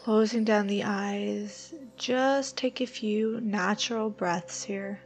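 With music behind her, a woman leads a guided meditation. Her voice sits in the mid range and stays steady as she offers soothing, slow-paced directions separated by long pauses.

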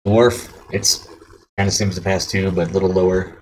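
Man through a deepening voice changer. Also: fairly even intonation, moderate pace, darkish tone, slight background noise, low-quality recording. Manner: amused, offhand commentary. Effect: voice changer lowering pitch.

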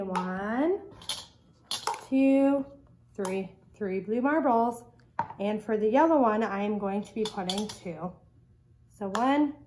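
A woman's voice: medium pitch, background noise. A woman demonstrating a craft in a kids show style, talking directly to young viewers and explaining each step simply. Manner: talks directly to young viewers, counting aloud. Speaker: children's craft activity presenter.

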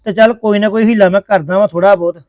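A man's voice: high voice, fairly even intonation, quick pace, darkish tone, no echo. A man acting a placating brother-in-law in a family drama. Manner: placating, apologetic.

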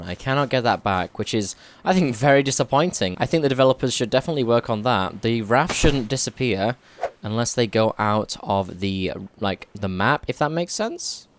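A man's voice: medium pitch, smooth. A man giving casual, chatty commentary over his own gameplay, thinking aloud and correcting himself as he goes. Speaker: gaming YouTuber. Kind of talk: casual let's-play commentary.

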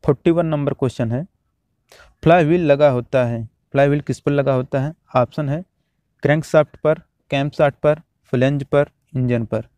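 A man teaching, reading out quiz questions and their options one by one, then repeating each answer in a steady drill. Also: a little high, normal speed, dry recording. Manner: steady, repetitive exam-drill delivery.

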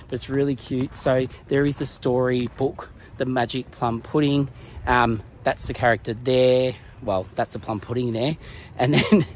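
This travel vlogger, an Australian man in his thirties, has a mid-range voice and chats easily while walking a country town street. He explains as he goes, filming on a phone held at arm's length, with outdoor street noise in the background.

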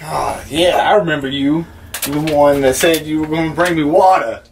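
A man's voice: fairly high pitch, moderate pace, distant mic, slight background noise, lightly acted. A man playing a cranky, foul-mouthed blind homeless man in an improvised comedy sketch, grumbling and repeating himself. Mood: confused. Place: outdoors by a shack.

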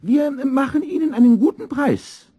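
A man reading a storybook aloud and voicing a hasty woman shopkeeper in a high, hurried falsetto. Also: lively intonation, dark tone, no echo, studio quality.

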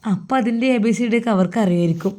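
A woman playing a coaxing woman doctor, mellow tone. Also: mid-range voice, very fast, lightly acted. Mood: teasing. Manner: coaxing, teasing questions. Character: kindly middle-aged woman doctor.

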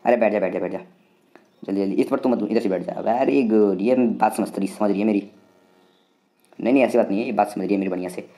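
An Indian man hosts a gaming stream with rapid, excited play-by-play in a dark, low voice. He is excitable and chatty, talking to both the game and his viewers in casual commentary.

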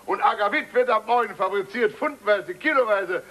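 A man's voice: high-pitched, normal speed, bright, forceful tone. An actor playing a boastful, stubborn factory-owner father in a stage comedy, blustering and repeating himself.

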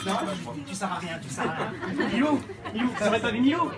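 A woman playing a loud, unhinged middle-aged mother of many kids in a live stand-up sketch, barking orders and rambling with constant fillers. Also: medium pitch, big pitch swings, fast talker, a loud crowd, close to an everyday voice. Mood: bossy. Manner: brash, rambling, barks orders, filler-heavy "hein". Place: comedy club stage. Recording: noisy live club recording.

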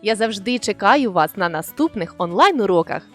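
A woman's voice: mid-range voice, lively intonation, soft background music. A woman teacher giving a children's language lesson, sounding out words syllable by syllable. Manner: slow, syllable-by-syllable dictation.

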